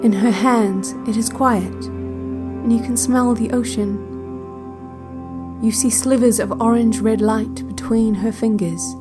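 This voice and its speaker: Her voice is a little high as she plays a calm relaxation-cassette narrator in an audio drama, with music running beneath her. She delivers scripted second-person guided visualization slowly, in a measured, deliberate, instructional manner with short, spaced sentences, and the mood is calm and hypnotic.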